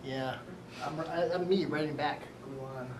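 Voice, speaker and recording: A man lecturing a university class, talking quickly and excitedly and often checking in with "right?". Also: a little high, distant mic. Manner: fast-talking, excitable, many "right?" tags. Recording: echoey classroom recorded from afar, noisy.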